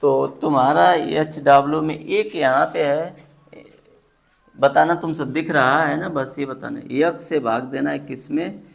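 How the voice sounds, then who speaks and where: A man's voice: on the high side, fairly even intonation, measured pace, vocal fry. A man teaching a maths class, walking students through each step and checking they follow, in colloquial speech with a few dialect words.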